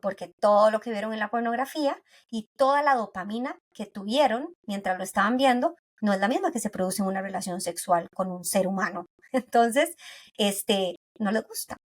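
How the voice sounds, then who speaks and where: A woman's voice: mid-range voice, normal speed. A woman from Costa Rica with a Costa Rican accent, a pediatric neuropsychologist guest explaining things conversationally and often adding "¿verdad?". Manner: tags sentences with "¿verdad?", explains with everyday anecdotes.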